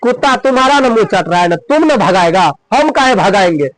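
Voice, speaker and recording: A man voicing an even lazier young villager, grumbling back. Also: high-pitched, fairly quick, low-quality recording. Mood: lazy grumbling.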